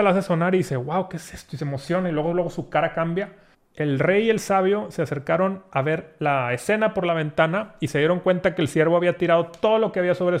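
A man telling a fable casually, talking straight to the listener. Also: sits high. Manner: chatty, addresses listener directly, chuckles. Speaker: storyteller. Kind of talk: casual oral storytelling.

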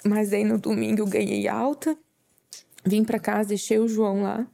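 A woman's voice: mid-range voice, little pitch movement, normal speed, creaky, dark tone. A woman, telling an emotional faith testimony as a podcast guest and acting out her own quoted words. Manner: earnest, tearful at times, acts out her own quoted words.

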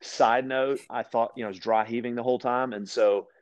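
A man from Louisiana, a podcast guest, telling casual stories with lots of restarts and animated asides. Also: medium pitch, brisk, lo-fi sound. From Louisiana, USA. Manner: rambling, animated anecdotes with frequent restarts. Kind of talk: casual storytelling conversation.

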